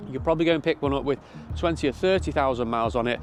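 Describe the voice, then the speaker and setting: A man's voice: mid-range voice, rapid-fire. A British man, a car dealer hosting his own video, talks casually and unscripted in a matter-of-fact, explanatory way. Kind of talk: casual unscripted vlog commentary. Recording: clear background noise from cars and outdoors.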